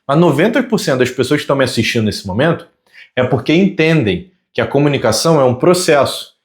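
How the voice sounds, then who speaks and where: A Brazilian man and communication consultant giving a conversational teaching monologue to camera, asking many rhetorical questions and slowing down on key words. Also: medium pitch, very animated. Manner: self-described fast talker.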